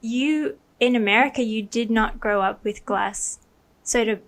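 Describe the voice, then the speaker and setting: A woman's voice: on the high side, a little slow. A woman who grew up in Thailand, hosting a podcast interview in an eager, chatty way full of "like". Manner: enthusiastic, many "like" fillers. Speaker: podcast host. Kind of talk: casual interview.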